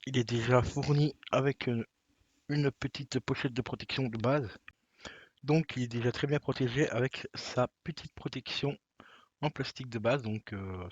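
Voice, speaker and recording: A man's voice: medium pitch, a bit bright, slightly rough, no echo, highs cut off. A man casually presenting a vinyl record unboxing to his viewers, hesitant, with many fillers. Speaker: vinyl collector vlogger.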